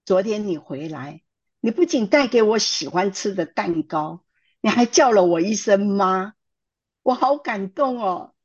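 A woman's voice: medium pitch, animated, measured pace, breathy edge. A woman voicing an older mother-in-law who apologizes and pleads with tearful remorse, on a dull lo-fi recording. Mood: remorseful pleading.

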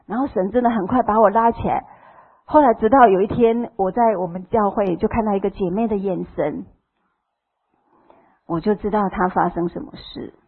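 A woman's voice: mid-range voice, moderate pace, husky. A middle-aged woman with a Taiwanese Mandarin accent gives an emotional personal testimony to a congregation. She acts out the voices of the people in her story. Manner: emotional storytelling, acting out quoted dialogue. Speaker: church member giving testimony. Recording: tinny phone-like sound.

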